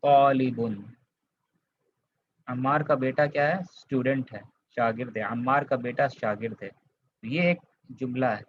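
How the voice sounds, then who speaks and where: Speaking at a measured pace with long pauses, this Indian-accented man from India delivers an Arabic grammar lesson in a fairly even, medium-pitched voice. He repeats points patiently and makes sure his students are following. Faint hiss runs under slightly dull lo-fi audio.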